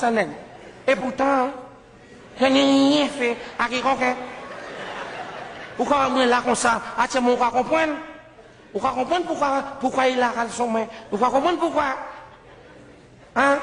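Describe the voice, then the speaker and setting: A man telling a comic story on stage in broken, childlike French, breaking into sudden shouts. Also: extremely high pitch, fairly even intonation, moderate pace, vocal fry, long pauses. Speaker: comedian. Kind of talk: stand-up storytelling. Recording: live show with audience laughter and background noise. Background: audience laughing.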